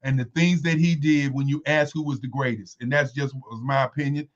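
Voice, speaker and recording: A man's voice: mid-range voice, steady tone, fairly quick, dull audio. A man in his sixties, a guest in a casual interview, talking in an emphatic, repetitive, insistent way. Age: 60s.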